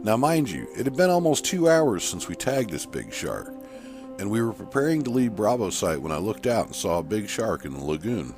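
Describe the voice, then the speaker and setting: Pitching above his own natural voice, a man speaks fairly low, very animatedly and at normal speed over music. He portrays an earnest male shark researcher in an audio horror story, emphatically recounting an attack.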